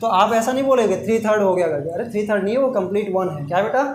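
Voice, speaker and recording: Racing along with lively intonation, a high-pitched middle-aged man teaches math through call-and-response, asking his students questions before giving the answers himself. The room sounds echoey, with faint hiss underneath.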